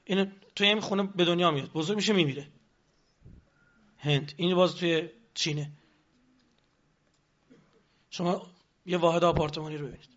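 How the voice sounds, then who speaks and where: A high-voiced man lectures with lively energy and throws rhetorical questions at his listeners. The recording has a dull, lo-fi sound. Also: pauses often. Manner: animated, rhetorical questions to the audience. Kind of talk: lecture on politics.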